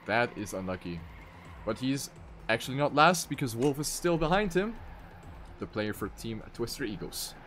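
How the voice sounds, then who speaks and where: Soft music plays behind an esports caster giving live play-by-play of an online racing game tournament. His mid-range voice moves at a moderate pace and jumps up excitedly on crashes and mistakes.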